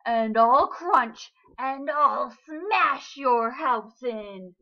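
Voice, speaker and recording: A woman voicing a menacing, hungry big bad shark, booming slow drawn-out threats in a storybook reading. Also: lively intonation, dull audio, exaggerated voice.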